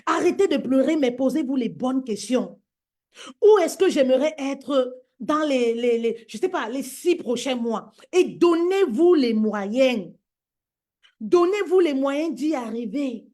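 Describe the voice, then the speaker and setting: A woman's voice: high-pitched, expressive, measured pace, mellow. A woman preaching emphatically to women, repeating her points and calling them her queens. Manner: emphatic, repetitive, addressing listeners as "my queen". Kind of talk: preaching to women on social media live.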